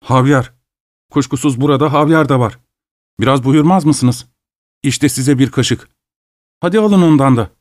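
A man's voice: medium pitch, normal speed, long pauses, a little mellow, dry recording, clean studio sound, close to an everyday voice. A man voicing a stingy, anxious male host who speaks with strained, ingratiating politeness. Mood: nervous.

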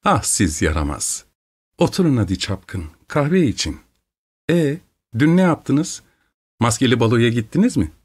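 A flighty, capricious young wife, as a male narrator puts her on in an audiobook, speaks in a raised, petulant voice full of exclamations. She sounds high-strung and quick to take offense. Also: very animated, darkish tone, slightly rough. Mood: coquettish.

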